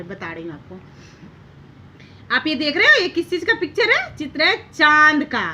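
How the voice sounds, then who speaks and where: A young woman teaching Hindi to children, asking questions and stretching out words slowly. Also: high voice, sharp tone, highs cut off, a little hiss or hum. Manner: sing-song, drawing out sounds slowly, asking questions. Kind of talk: classroom lesson for kids.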